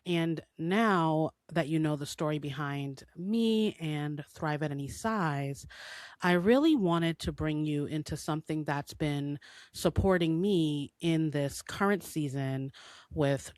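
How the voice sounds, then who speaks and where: A woman's voice: low-pitched, no echo. A woman in her thirties hosting a solo podcast in a chatty, informal way, sounding a little congested from a cold, with frequent ums and likes. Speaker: podcast host and health coach. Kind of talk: casual solo podcast talk.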